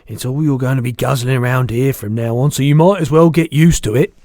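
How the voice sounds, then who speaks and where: A man voicing a big, soft-hearted, proud giant in a children's storybook, booming and spluttering with mangled rustic grammar. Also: steady tone, a little fast, no room sound, studio quality, lightly acted. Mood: disgusted, goading. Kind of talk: animated children's storybook reading.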